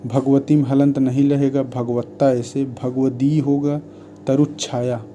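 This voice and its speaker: Slow, dark-voiced man teaching Hindi spelling. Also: mid-range voice, little pitch movement, dull audio, a little hiss or hum. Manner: slow, measured word-by-word dictation. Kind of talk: spelling lesson, reading word lists.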